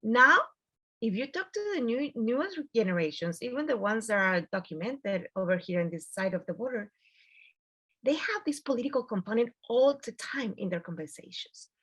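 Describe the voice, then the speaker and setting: A woman's voice: a little high, animated, normal speed, bright, forceful tone, slightly rough, muffled recording. A woman with a Mexican accent, a native Spanish speaker, talking informally on a panel as a journalist and slipping Spanish words into English in a Spanglish manner. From US-Mexico border region. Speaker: journalist and producer.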